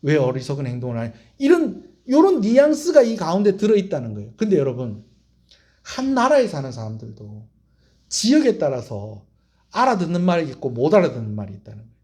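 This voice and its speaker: A man's voice: sits high, a little fast. A middle-aged male pastor preaching a sermon, asking the congregation questions and acting out quotes. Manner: animated, asks the congregation questions and acts out quotes.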